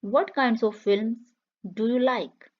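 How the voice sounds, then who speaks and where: A woman reading English practice questions and answers slowly for learners, saying each line twice in a clear, measured way. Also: on the high side, fairly even intonation, dull audio. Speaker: English teacher. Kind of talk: slow repeated phrase reading for learners.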